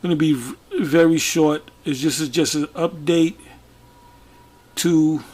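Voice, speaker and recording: A man with a somewhat high-pitched voice gives casual commentary while reading a news web page aloud. He speaks haltingly, with frequent fillers, false starts and repeated words. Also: fairly even intonation, darkish tone. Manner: halting, many fillers and restarts, talks through what is on screen. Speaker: religious video commentator.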